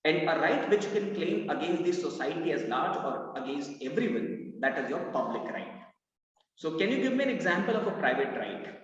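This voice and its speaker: A law entrance mentor with an Indian English accent teaches a live online class in a loud, lively voice, slipping Hindi phrases in and reading out student answers. His voice is a little high at a moderate pace, and the live-class audio is echoey, roomy, distant, and dull.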